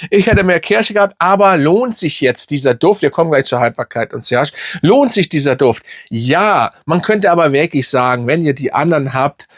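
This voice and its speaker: A man's voice: mid-range voice, dry recording. A middle-aged man casually reviewing a fragrance, rambling with lots of fillers and tag questions, speaking close to the mic.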